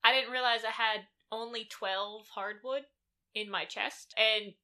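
A woman's voice: fairly high pitch, steady tone, a little slow, pushed and bright. A woman co-hosting a casual podcast, laid-back, often giving short answers with fillers. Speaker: podcast co-host.

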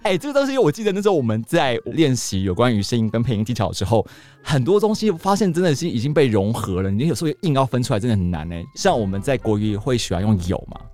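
A man's voice: medium pitch, big pitch swings, quick pace, darkish tone. A man with a Taiwanese Mandarin accent, co-hosting a casual podcast chat and laughing often. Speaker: podcast co-host.

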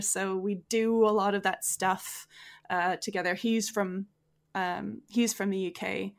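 A woman's voice: mid-range voice, vocal fry. A young woman from Canada, a stage actor, talking enthusiastically as an interview guest. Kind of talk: casual interview.

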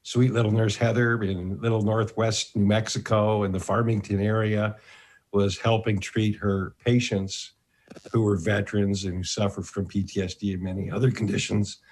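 A man hosting a talk show, giving background in a measured, explanatory way. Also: on the low side, flat delivery, a little mellow.

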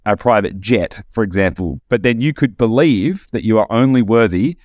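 A man's voice: mid-range voice, expressive, normal speed, darkish tone, no room sound. Male podcast host, casual conversation, reflective, enthusiastic, dry close sound. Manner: reflective, enthusiastic, rambling with restarts.

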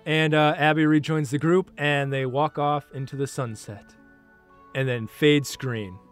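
A man narrating as game master in a relaxed, halting way with many fillers. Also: fairly high pitch, soft background music.

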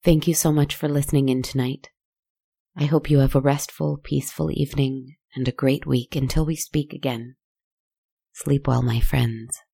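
A woman with a deep voice and a gravelly fry at its edges hosts a spooky bedtime horror podcast. Her tone is dark and soft, and she speaks gently and soothingly, as a storyteller sending listeners off to sleep. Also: level tone, moderate pace. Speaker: podcast writer, host and narrator.

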